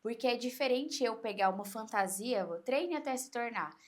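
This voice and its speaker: A woman coach with a Brazilian Portuguese accent, explaining in an animated way on an interview podcast and acting out inner voices. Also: a little high, moderate pace.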